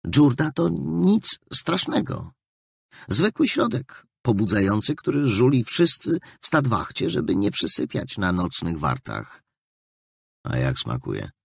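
A man narrating an audiobook with expressive storytelling. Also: mid-range voice, a little slow, gravelly, breathy edge, dry recording. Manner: expressive storytelling with a wide melody. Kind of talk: scripted narration.

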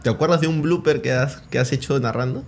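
A man's voice: medium pitch, fast. A man hosting a casual interview, asking questions and giving short, affirming replies. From Peru. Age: 30s. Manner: friendly interviewer, brief affirming backchannels. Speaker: podcast host.

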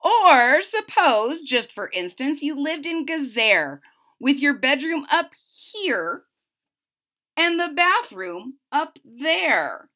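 In a small room at home, a storyteller with a high, bright voice reads a picture book aloud to children at a slow, very animated pace. Her pitch swings widely, she stresses key words theatrically, and between verses she slips into casual, chatty asides.

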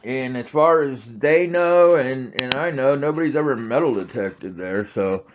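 A man hosting a metal detecting vlog, rambling casually to viewers with many pauses and ums. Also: medium pitch, narrow, tinny audio, background noise. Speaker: metal detecting channel host. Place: outdoors on a grassy course, then an indoor home office.

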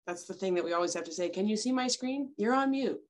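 A woman's voice: mid-range voice, animated, quick pace. A woman extension educator giving a friendly, step-by-step talk on compost over a video call. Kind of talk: informal webinar presentation.

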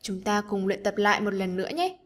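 A woman teacher narrating an online lesson for children, gentle and encouraging as she speaks to the pupils. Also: mid-range voice, lively intonation, brisk.

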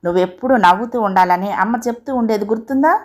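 A woman voicing a remarried father who coaxes his daughter and turns evasive and sharp in a storybook reading. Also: medium pitch, quick pace, natural voice. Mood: coaxing. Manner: coaxing, then sharp and scolding.

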